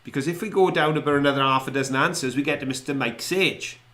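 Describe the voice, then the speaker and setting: A middle-aged man with a South Wales Valleys accent co-hosts an online show, chatting casually to viewers. His mid-range voice is bright and pushed, and he talks fast. The room sounds roomy and echoey.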